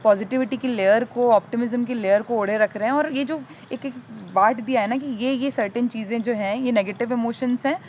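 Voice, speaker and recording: A woman's voice: a little high, brisk, hardly any pauses, darkish tone. A woman from India speaking earnestly and personally as a podcast co-host, mixing English words into her speech. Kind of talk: conversational podcast talk. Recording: dull lo-fi audio with faint traffic noise.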